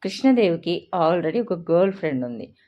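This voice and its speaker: A woman voicing a stern, commanding wealthy young man who talks gravely and bossily, in a muffled recording. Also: on the low side, very animated, moderate pace. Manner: grave, domineering.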